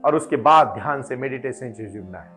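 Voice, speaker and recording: A man's voice: medium pitch, expressive, fairly quick, fairly bright tone, soft background music. A man giving an emphatic devotional motivational address, building into fervent exhortation. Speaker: motivational spiritual speaker.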